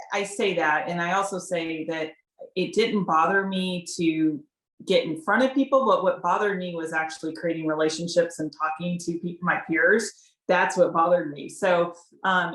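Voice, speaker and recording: A woman's voice: fairly low pitch, fairly bright tone. A middle-aged woman giving informal interview answers in a conversational, emphatic way, often checking in with "right?". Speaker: corporate community partner being interviewed. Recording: roomy, echoing sound.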